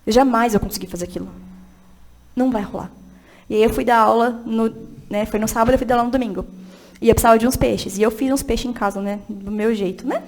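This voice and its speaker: A woman's voice: a little high, quick pace, a little mellow. A woman directing a church children's ministry, chatting animatedly on a podcast, laughing often and urging listeners on with emphatic encouragement. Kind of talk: casual podcast chat.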